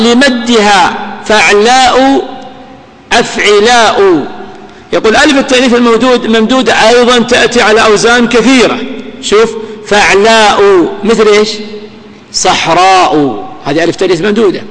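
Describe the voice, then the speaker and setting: A male grammar teacher giving a classroom lesson, quizzing his class and repeating key words slowly. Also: sits high, a bit bright. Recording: reverberant hall with long echo.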